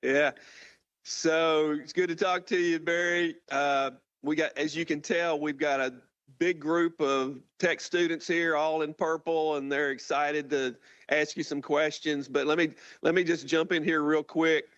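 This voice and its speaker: A man hosting a live link-up as a university president, informal and a bit halting as he restarts his questions. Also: fairly high pitch, fairly even intonation, a bit bright, no echo. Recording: dull, muffled event audio.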